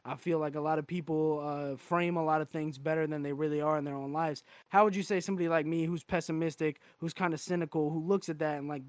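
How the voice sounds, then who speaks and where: A man's voice: a little high, dry recording. A man in his twenties hosting a podcast, frank and casual, swearing freely. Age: 20s. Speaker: podcast host.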